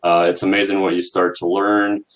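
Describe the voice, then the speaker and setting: A man co-hosting a casual online chat over a video call, hesitant and laid-back with many pauses. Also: low-pitched, little pitch movement, a little hiss or hum, low-quality recording. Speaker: co-host.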